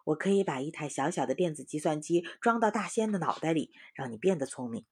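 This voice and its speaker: Gentle old storybook doctor, voiced by a woman, low, mild, husky. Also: expressive, quick pace, full character voice.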